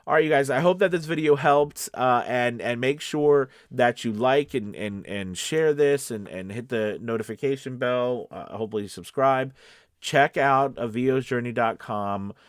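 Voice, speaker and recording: At medium pitch and normal speed, a man speaks in a dry, studio-quality recording. He's a voice-over coach and casting professional offering casual, conversational instruction to camera, often repeating himself for emphasis.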